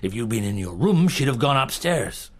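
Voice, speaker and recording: In a radio drama, a male actor plays a shrewd, relentless detective chief in middle age, questioning with deliberate pauses. His medium-pitched voice is husky and gravelly yet very animated, sounding accusing and measured.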